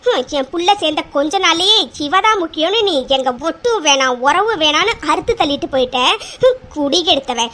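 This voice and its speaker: Cruel old grandmother, voiced by a woman: harsh, drawn-out taunts, bright tone. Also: very high-pitched, full character voice. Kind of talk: cartoon serial voice acting.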